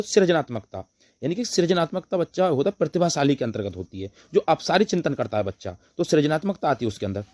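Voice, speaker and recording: A man's voice: fairly high pitch, darkish tone, no room sound, studio quality. A man teaching an online exam-prep lesson, repeating key terms, asking rhetorical questions and answering them himself. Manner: repetitive, rhetorical questions, calls listeners brother.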